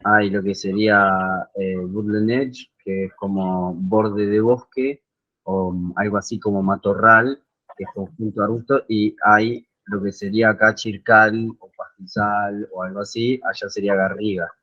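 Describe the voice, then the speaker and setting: A man's voice: fairly low pitch, steady tone, a little slow. Hesitant man on a muffled video call. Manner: hesitant, searching for words. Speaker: guest landscape designer. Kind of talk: online Q&A answer. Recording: dull video call audio.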